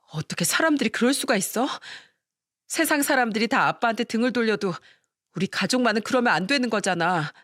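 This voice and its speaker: A woman's voice: medium pitch, fairly bright tone, no room sound, clean studio sound, natural voice. A woman voicing a tearful, devoted adult daughter who pleads and sobs, in a story radio reading. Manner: pleading, sobbing.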